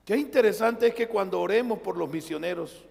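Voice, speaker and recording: A man with a Colombian accent preaches a live sermon in a raised, rough, fry-laden voice. His delivery surges loud and then sinks to hushed asides. The church's long reverb trails behind every phrase. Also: brisk. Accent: Colombian Spanish. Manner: swings from loud preaching to low, quiet asides. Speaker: pastor. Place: church sanctuary.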